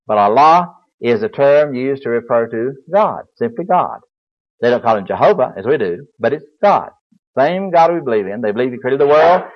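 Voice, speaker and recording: An older man preaching a Bible lecture, explaining in a folksy way and spelling words aloud. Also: medium pitch. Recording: dull lo-fi recording.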